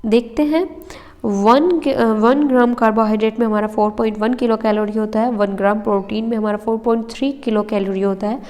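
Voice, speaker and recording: Teaching from handwritten notes, a young woman in a mid-range voice with a darkish tone runs an exam-prep lesson step by step. She checks in with her listeners and lets out a slight cough now and then. The recording has a roomy feel and long reverb.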